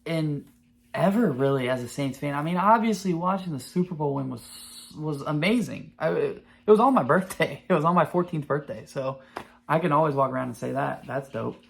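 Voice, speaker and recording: A man in his twenties hosting a podcast, talking in a rambling, profane, excitable way in casual sports chat. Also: fairly high pitch, normal speed, gravelly. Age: 20s. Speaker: podcast host.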